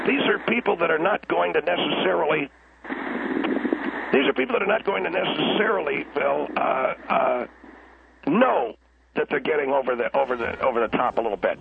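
A man talk radio host heard over a crackly cordless phone line, needling his guest in halting, restarting speech. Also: a little high, lively intonation, creaky. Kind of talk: on-air radio banter.

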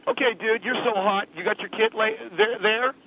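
On a noisy phone line, a high-voiced man speaks at a moderate pace. The caller, a rock drummer, chats casually on air, relaxed but turning defensive, full of slang like "man" and "dude."

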